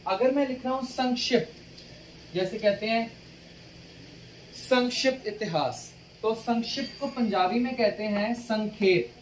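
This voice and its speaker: A man's voice: sits high, measured pace, echoey room, distant mic, slight background noise, low-quality recording. A man teaching a writing lesson, patiently spelling out letters one at a time. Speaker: language teacher.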